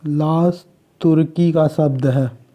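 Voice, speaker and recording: Slow, dark-voiced Hindi quiz teacher. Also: male voice, fairly high pitch, fairly even intonation. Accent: Uttarakhand Hindi. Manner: slow, measured, list-like delivery. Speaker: exam prep teacher. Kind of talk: reading out quiz questions and answers.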